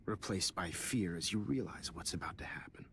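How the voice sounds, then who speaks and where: Deep-voiced, menacing villain teacher. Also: male voice, expressive, fairly bright tone, whispered. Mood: menacing, smug. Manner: menacing, slow villain monologue, condescending. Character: cold, self-obsessed male photography teacher turned killer, middle-aged. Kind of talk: dramatic video game voice acting.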